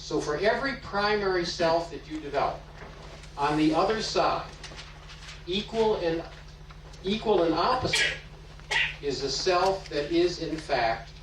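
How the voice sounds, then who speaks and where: A man's voice: a little high, lively intonation, normal speed, a little hiss or hum. Man lecturing from far off in echoey room. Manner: storytelling, asks rhetorical questions. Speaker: psychology teacher. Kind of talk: explanatory lecture.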